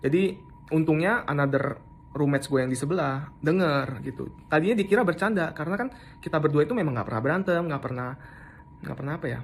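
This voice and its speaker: A man's voice: fairly high pitch, fast, vocal fry, a little hiss or hum. Young man, casual storytelling, slangy talk, restarts often, drops in English words. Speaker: storyteller recounting an assault. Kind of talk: casual first-person storytelling.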